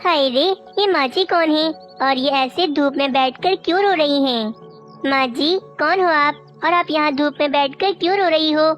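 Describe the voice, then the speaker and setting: A woman voices a kind-hearted female bird in a cartoon, gentle and full of concern. The voice is high, with faint music. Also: moderate pace, muffled recording.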